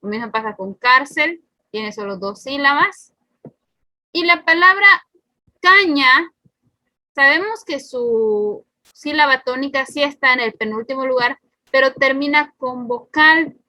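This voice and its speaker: A woman's voice: high-pitched, animated, unhurried, pushed and bright, no room sound. A woman teacher giving a recorded spelling lesson, patiently explaining each rule step by step and repeating it. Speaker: primary school teacher.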